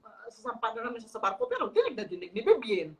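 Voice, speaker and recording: A woman's voice: fairly high pitch, huge pitch swings, fast, darkish tone. A middle-aged woman, a guest on a live talk show, tells a story animatedly in casual chat, laughing often and stumbling over fillers.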